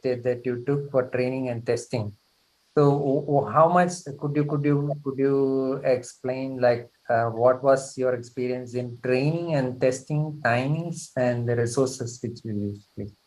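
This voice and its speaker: A man moderating a question session, polite and halting. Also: mid-range voice, a little mellow, rough recording.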